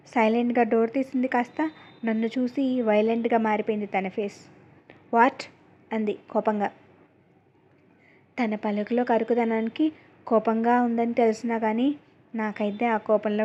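A woman narrating a first-person love story aloud in a calm, measured storytelling manner. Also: on the high side. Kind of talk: reading an audio story aloud. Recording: dull lo-fi recording.

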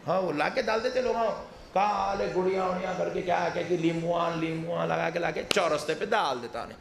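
A male preacher delivers a sermon with a jokey, mocking edge. His voice sits high and rings through a reverberant hall. A faint hiss of noise hangs behind him. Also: brisk, creaky. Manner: jokey, mocking, acts out people's sayings. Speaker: Islamic preacher.

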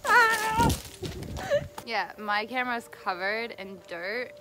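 A woman's voice: mid-range voice, normal speed, heavy background noise. A woman chatting casually in a behind-the-scenes vlog, upbeat and full of "like". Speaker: model and vlogger. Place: outdoors in woods and a car.

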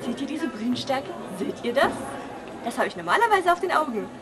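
A woman's voice: high voice, very animated, a little fast. A young woman filming backstage and commentating, teasing and joking with the cast. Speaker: camera operator and backstage commentator. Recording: noisy backstage crowd. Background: crowd chatter.

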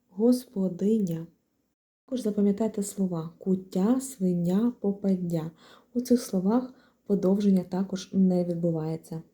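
A woman's voice: on the low side, dark tone. A woman teaching a grammar lesson, explaining rules step by step and spelling out letters and example words. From Ukraine. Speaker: language teacher.

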